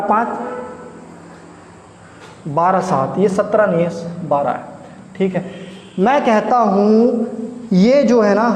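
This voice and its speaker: A male math teacher giving a chatty, coaxing blackboard lesson, quizzing his students as he works. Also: high voice. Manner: chatty, coaxing, asks the class questions. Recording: echoey room with faint noise.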